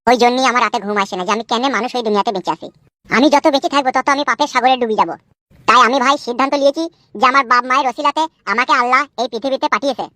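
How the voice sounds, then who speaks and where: Lady voicing a preachy young cartoon guy going on about life, rapid-fire, dry close mic. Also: fairly high pitch, bright, forceful tone, dry recording. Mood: earnest. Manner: earnest, preachy, rambling. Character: young uneducated man brooding on life's meaning.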